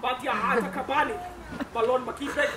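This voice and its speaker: A woman's voice: sits high, fairly even intonation, a loud crowd, lightly acted. A young woman in an amateur school stage play, acting a scornful, exasperated army commander who barks at her soldiers. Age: teen or young adult. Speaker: student actor. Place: school theatre hall. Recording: noisy live stage recording.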